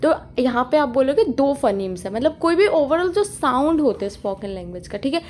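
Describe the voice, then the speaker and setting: A young woman tutor explaining a lesson in Hindi, mixing in English terms and often checking in with a quick "okay". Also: high-pitched, very animated, a little mellow, a little hiss or hum. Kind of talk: explanatory exam-prep lesson.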